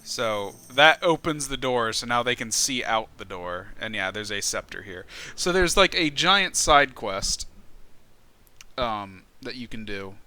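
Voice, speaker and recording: A man's voice: medium pitch, expressive, measured pace, bright, forceful tone. A man giving casual, wry commentary while he plays a video game. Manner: wry, joking. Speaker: game streamer.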